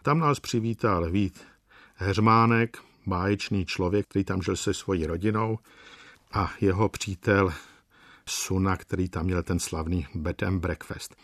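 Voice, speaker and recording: A man with a low voice telling travel stories, unhurried and wry, lingering on details. The sound is dry and close, with no room in it. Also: steady tone, no room sound. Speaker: storyteller. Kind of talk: anecdotal travel storytelling.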